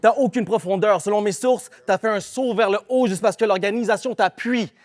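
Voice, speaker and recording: A man's voice: sits high, brisk. A man with a Québécois accent, performing a live battle rap verse with aggressive, punchy rhymes. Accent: Québécois French. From Quebec. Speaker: battle rapper.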